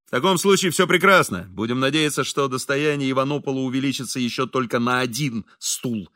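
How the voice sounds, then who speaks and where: A man's voice: mid-range voice, fairly quick, sharp tone, no room sound, clean studio sound, voice pushed down, natural voice. A man voicing a stern, confident swindler who talks in a curt, commanding way, in an audiobook reading. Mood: dry.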